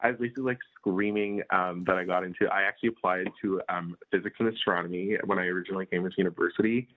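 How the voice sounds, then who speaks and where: A man's voice: sits low, fairly even intonation, rapid-fire. A man in his early twenties from India, answering interview questions in a rambling casual way full of fillers. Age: early 20s. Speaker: guest. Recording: phone-like remote call audio.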